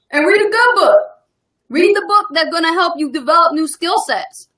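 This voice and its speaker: A woman's voice: extremely high pitch, very animated, a little slow, a bit bright, echoey room. A woman co-hosting a live online business webinar, talking in an upbeat, emphatic motivational way and laughing often. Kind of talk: casual motivational talk.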